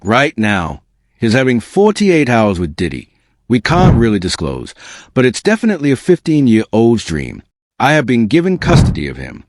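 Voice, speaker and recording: Smug, animated man delivering a slangy exposé. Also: mid-range voice, normal speed, dry recording, clean studio sound. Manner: slangy, incredulous. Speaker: online commentary host. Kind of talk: scripted celebrity exposé commentary.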